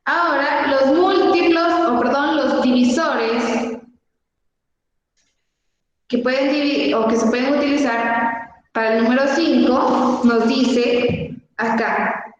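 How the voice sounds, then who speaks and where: A high-voiced woman teacher walks through her examples at an unhurried pace. Her voice comes through a low-quality video call stream that sounds dull and muffled. It rings with a big echo, and a faint hiss sits underneath. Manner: slow, patient, counting out examples step by step. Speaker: math teacher. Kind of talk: online math lesson. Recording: dull, echoey, noisy video call audio.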